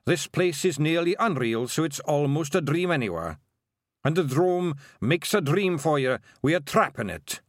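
A man performs a boastful little male pixie chieftain with a Scottish accent, pitching his voice above his own so it sits on the high side. The delivery is sing-song, gruff, and moderately paced, with clean studio sound and no echo.

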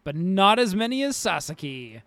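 A man co-hosting a podcast who chats in an excitable, animated way and laughs a lot. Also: high voice, normal speed, a crowd in the background. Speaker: podcast co-host. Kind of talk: casual chat.

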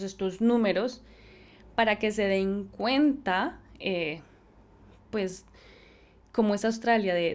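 A Colombian woman chatting straight to camera in a relaxed vlog. Her voice sits in an ordinary middle range, and her talk is loose and friendly, with English phrases slipped in here and there. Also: medium pitch. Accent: Colombian Spanish. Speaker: vlogger.

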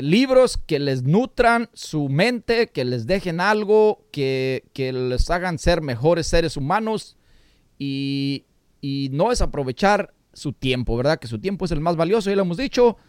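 Male host, casual motivational talk, animated pitch, folksy. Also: dry recording, clean studio sound. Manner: rambling, folksy, many fillers.

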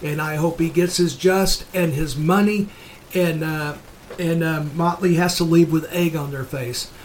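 A man's voice: a little high, fairly even intonation, a little slow, a little hiss or hum. A man hosting a casual talk show, giving opinionated commentary in a blunt, sweary, emphatic manner. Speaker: show host.

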